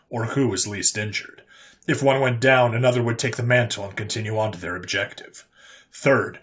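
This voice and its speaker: A man reading aloud a science fiction war story for an online audience. His pitch sits in an ordinary middle range. The delivery is steady and even, paced like a careful narration. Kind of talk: scripted sci-fi story narration.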